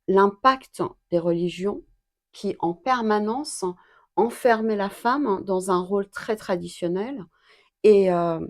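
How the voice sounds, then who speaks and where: Slow, low-voiced woman in her fifties. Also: darkish tone. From Iran. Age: 50s. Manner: hesitant, many filler pauses. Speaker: guest, activist. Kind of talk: interview answers.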